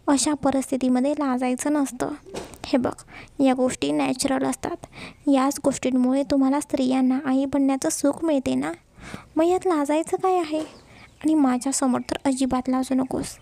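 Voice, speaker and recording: A woman's voice: sits high, steady tone, normal speed, creaky, dark tone, dry recording. Woman voicing a firm young husband. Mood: reassuring. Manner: firm, scolding then tender. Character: stern caring young husband.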